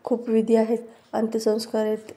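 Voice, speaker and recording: In a serial recap, a woman reads out a scheming villainess who taunts her enemies. The delivery stays level and narrow in pitch, with a dark, mellow tone. The mockery sits in the words rather than in a big acted voice. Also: monotone, a little fast, lightly acted. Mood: taunting. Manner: taunting, mocking.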